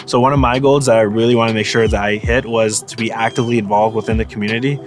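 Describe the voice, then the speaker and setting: A man's voice: lowish voice, fairly even intonation, fast, faint music behind. Young man from Northern Virginia, thoughtful. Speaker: seminary student. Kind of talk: personal testimonial.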